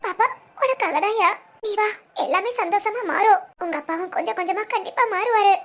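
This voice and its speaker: A worried young pregnant wife in a cartoon family drama, pleading and fretting in a very high, quick voice, as a woman acts her out. She fires off anxious questions. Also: a bit bright.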